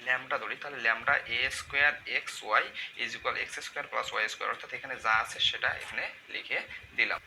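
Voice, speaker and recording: A man giving a step-by-step math lecture, asking questions and answering them himself. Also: mid-range voice. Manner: walks through algebra aloud, asks and answers own questions. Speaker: math tutor. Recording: noisy room sound.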